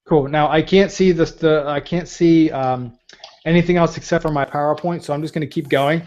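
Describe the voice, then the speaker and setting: A man's voice: on the high side, fairly even intonation, moderate pace, darkish tone, muffled recording. A man in his thirties presenting an online training talk, rambling and earnest, with many fillers and restarts. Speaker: webinar presenter.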